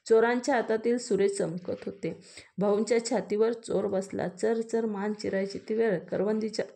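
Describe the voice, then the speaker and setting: Gravelly, mellow woman reading a story. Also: mid-range voice, fairly even intonation. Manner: measured, explains old words as she reads.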